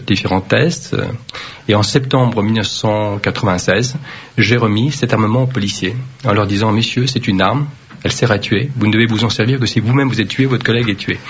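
A man who serves as a mayor, answering interview questions firmly and deliberately, with frequent hesitations. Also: fairly low pitch, husky. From Vietnam. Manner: firm, measured, with frequent hesitations. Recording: dull lo-fi radio recording.

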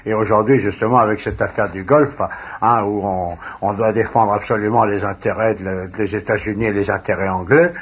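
A man's voice: on the low side, steady tone, a little fast, slightly rough. A man talking on a radio show as co-host, in an emphatic, conversational way. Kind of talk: radio talk. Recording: dull lo-fi radio recording.

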